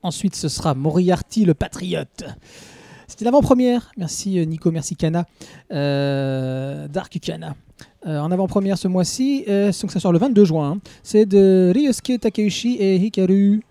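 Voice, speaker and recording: A man hosts a casual podcast, recorded live in a café. His voice sits high yet sounds very mellow and dark. He jokes freely and stumbles over fillers. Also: moderate pace, gravelly, dry recording. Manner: joking, with many hesitant fillers. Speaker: podcast host.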